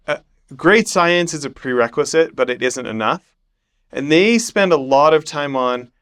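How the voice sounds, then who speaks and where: A man hosting a podcast asks his questions in a fairly high, smooth, clear voice. He circles around each question with fillers and restarts before landing on it. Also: a bit bright. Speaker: podcast host.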